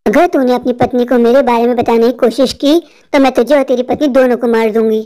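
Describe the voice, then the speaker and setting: A woman voicing a vengeful, grieving female witch spirit in a cartoon, with slow, gloating threats. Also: on the high side, steady tone, dark tone, lightly acted. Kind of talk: cartoon voice acting.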